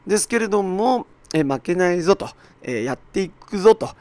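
A man with a hoarse, raspy, worn-out voice talks casually and self-deprecatingly on his own as a podcast host. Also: sits high, lively intonation, a little fast, warm tone. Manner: self-deprecating, apologetic, with mock-quoted asides. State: hoarse, worn-out voice from shouting at an event. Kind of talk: casual solo podcast monologue.

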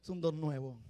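A man preaching a sermon, dropping to quiet confiding talk and rising to loud shouted exhortation. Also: sits high.

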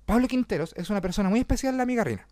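A Chilean comedian and podcast host telling stories in a casual, swearing, laugh-filled chat. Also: male voice, high-pitched, racing, no echo, studio quality. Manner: swearing, animated, laughs often.

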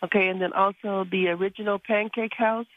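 A woman's voice: mid-range voice, fairly even intonation, fairly quick, no room sound. A woman calling in to a radio shopping show, polite and brief as she places her order. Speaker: caller. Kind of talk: phone call to a radio show. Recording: tinny phone line.

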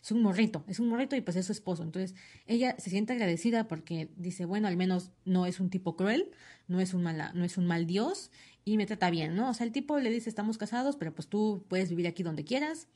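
Chatty woman host, opinionated, casual comic-review talk, mid pitch. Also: a little fast. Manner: chatty, opinionated, animated asides. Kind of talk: casual chat.

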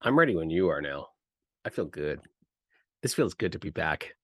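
A man's voice: very deep voice, big pitch swings, normal speed, fairly bright tone, no echo. A man co-hosting a podcast in casual chat, with a slight head cold, trading dry, wry quips. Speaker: podcast co-host.

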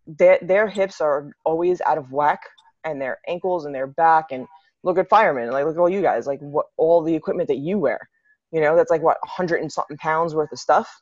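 Her voice sits low and a little mellow, and she speaks fairly quickly. She's a young adult city EMT and fitness coach in a casual podcast conversation, often circling back to restart what she's saying. There's no echo, and the recording is dull, lo-fi, and dry.

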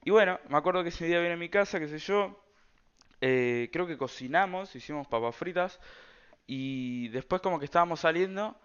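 Speaking with an Argentine Rioplatense Spanish accent, a storyteller vlogger rambles casually through a personal story packed with slang and fillers. His voice is on the high side, expressive, smooth, and fairly bright, at a moderate pace. The sound is lo-fi.

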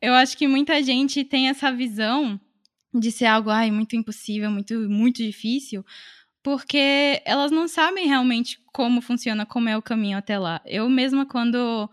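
Woman, from Salvador, slightly high voice, relaxed chatty conversation. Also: normal speed. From Salvador, Brazil. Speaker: singer, artist. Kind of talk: casual conversation.

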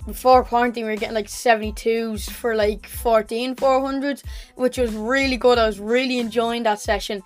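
A young Irish woman talks casually to her viewers in a fairly high voice. She is chatty and matter-of-fact, recapping like a vlogger and correcting herself as she goes. Faint music plays behind her. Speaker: running vlogger. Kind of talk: casual training recap to camera.

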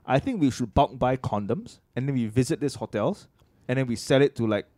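A man's voice: mid-range voice, expressive, a little fast, mellow, no echo. A Singaporean man joking casually and crudely in colloquial Singlish as a podcast host. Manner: speaks colloquial Singlish with lah and local phrasing.

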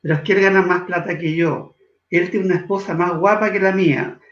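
A man from Chile, a guest in an interview, speaking in an earnest, measured way that slows for emphasis. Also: sits high, fairly even intonation, a bit bright, echoey room, highs cut off. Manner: earnest, measured, shifts between slow emphasis and quick asides. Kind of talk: reflective interview talk.

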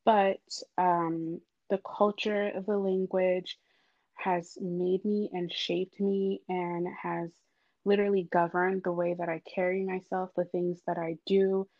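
A woman from Haiti, a podcast guest, introducing herself in a casual, earnest way with frequent pauses. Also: on the low side, dry recording, muffled recording.

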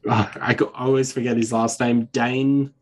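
A man chatting as a podcast co-host, rambling from one thought to the next with casual swearing. He acts out the people he quotes. His voice sits in an ordinary middle pitch. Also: flat delivery, moderate pace. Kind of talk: casual chat.

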